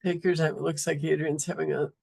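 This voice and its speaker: A man's voice: a little high, flat delivery, fast, vocal fry, a little mellow. A man hosting an online event, reading a prepared introduction of the guest speaker over a video call.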